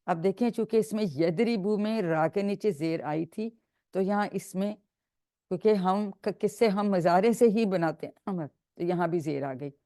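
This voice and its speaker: A woman's voice: mid-range voice, measured pace, mellow, no echo, studio quality. A woman teaching Arabic grammar on a video call, patiently drilling students and correcting them. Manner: patient, coaxing, repeats and corrects. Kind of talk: online class drilling students.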